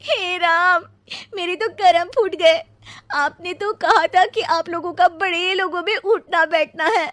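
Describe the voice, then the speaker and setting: A woman playing a sharp-witted, exasperated young bride in a comic story, questioning in an indignant, exclamatory way. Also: very high-pitched, unhurried, no echo, clean studio sound, pitched above the performer's own voice. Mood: dismayed. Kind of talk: comic Hindi audio story dialogue.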